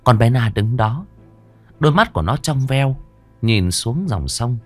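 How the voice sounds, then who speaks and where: A man narrating a Vietnamese-style ghost story in a lively, dramatic way. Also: mid-range voice, a little slow. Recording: dry close mic with soft music.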